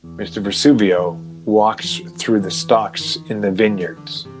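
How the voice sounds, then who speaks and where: A man's voice: on the low side, fairly even intonation, slow pace, faint music behind, rough recording. A man narrating an audio drama in a dramatic, scripted style.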